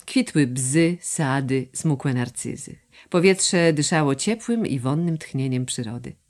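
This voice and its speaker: A woman reading a novel aloud as an audiobook narrator, expressive in her storytelling. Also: deep voice. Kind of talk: scripted narration.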